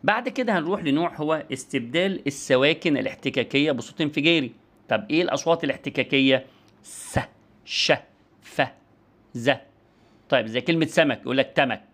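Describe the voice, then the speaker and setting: A man's voice: a little high, lively intonation, racing, a bit bright. A man with an Egyptian Arabic accent giving an online lecture and demonstrating speech sounds as he explains.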